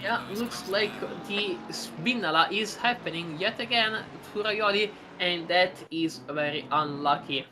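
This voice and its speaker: A woman giving live sim racing commentary, chatty and rambling, breaking into excited exclamations. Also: mid-range voice, measured pace, few pauses, background noise.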